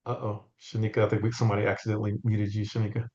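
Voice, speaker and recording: A man's voice: lowish voice, monotone, racing, mellow. Man moderating on roomy, dull audio. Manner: brief, affirming. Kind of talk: webinar moderation.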